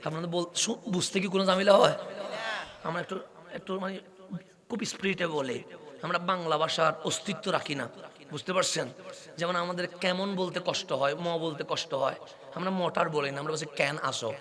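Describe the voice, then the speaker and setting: A man from Chittagong with a Chittagonian Bengali accent preaching a waz sermon, speaking fast and rising into impassioned shouting with rhetorical questions to the crowd. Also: high voice. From Chittagong, Bangladesh. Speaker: Islamic preacher.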